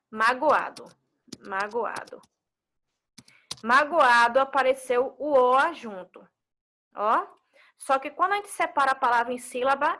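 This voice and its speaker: Bright high-voiced Brazilian woman teacher. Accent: Brazilian Portuguese. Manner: explanatory, checks in with students often. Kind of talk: online class lesson.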